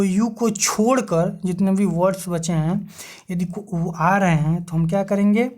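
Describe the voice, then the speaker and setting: A woman's voice: mid-range voice, a little mellow. A woman giving an online exam-prep grammar lecture as a teacher. She keeps asking rhetorical questions and answering them herself, and spells words out letter by letter.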